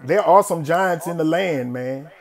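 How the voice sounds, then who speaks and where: A man's voice: on the high side, measured pace, creaky. Man, host, casual chat, easygoing, slang-heavy. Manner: affirming with frequent murmurs and slang.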